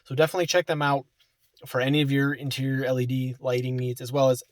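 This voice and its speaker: A man's voice: mid-range voice, quick pace, no echo. A young man hosting a casual how-to video, explaining step by step from inside a car while working with his hands. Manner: relaxed, chatty, talks while working with hands.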